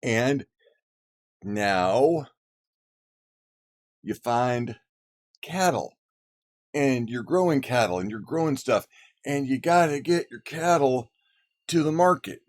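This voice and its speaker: A man's voice: mid-range voice, lively intonation, slow pace, long pauses. A man putting on a folksy cowboy drawl. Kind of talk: cowboy voice in a monologue.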